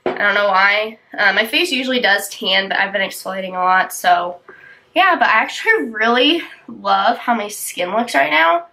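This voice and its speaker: In a rough recording, a young beauty vlogger with a slightly high, sharp voice chats through a casual get-ready-with-me makeup session. Her voice is congested and sick-sounding, tight and dry in the throat, and she uses lots of ums and likes.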